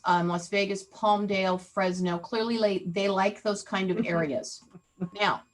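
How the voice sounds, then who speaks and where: Over a rough recording, a woman with a mid-range voice runs an interactive real estate training online. She's chatty and teasing, and keeps putting questions to the group on the video call.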